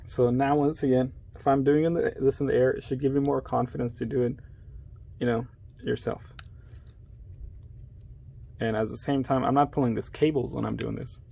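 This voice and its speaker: Gravelly-voiced man explaining a repair. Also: mid-range voice, fairly even intonation, moderate pace, warm tone. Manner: chatty, talks to viewers while working with his hands. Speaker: phone repair tutor. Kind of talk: casual step-by-step repair demonstration. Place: at his workplace, a repair shop.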